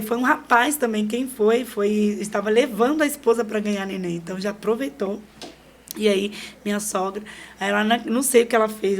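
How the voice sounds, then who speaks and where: A middle-aged Brazilian woman with a mid-pitched voice tells a personal story as a podcast guest. She acts out the voices of the people in her story and laughs often. Faint ambient noise sits behind her voice. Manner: lively, re-enacts dialogue, laughs often. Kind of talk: personal storytelling in a casual interview.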